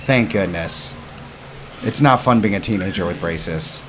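A man's voice: low-pitched, unhurried, background noise. A man hosting a podcast in an informal, chatty, upbeat way, casually interviewing children. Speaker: podcast host, summer camp owner.

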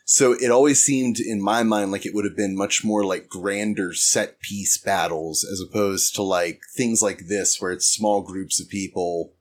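A man co-hosting a podcast in casual chat, laughing a lot and jumping in with quick jokes. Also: lowish voice, fairly even intonation.

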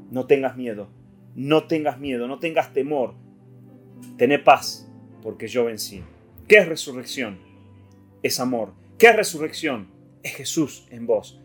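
Rioplatense preacher guy, easter sermon, loud then hushed, kinda high voice. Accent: Rioplatense Spanish. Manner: impassioned, swings from loud to hushed. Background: soft guitar music.

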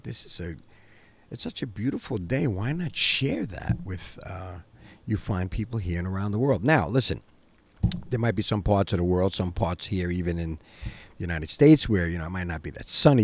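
Rambling low-voiced man with a gravelly edge. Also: a little mellow. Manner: rambling and conversational, with repeated asides to listeners. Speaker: podcast host. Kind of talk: casual solo podcast chat. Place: outdoors in a quiet home backyard.

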